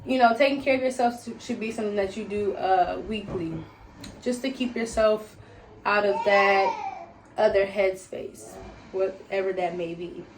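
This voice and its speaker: A woman's voice: mid-range voice, normal speed. A young American woman chatting casually and candidly about personal matters, loose and a little tipsy, answering questions as host. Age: young adult. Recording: echoey room, faint background noise.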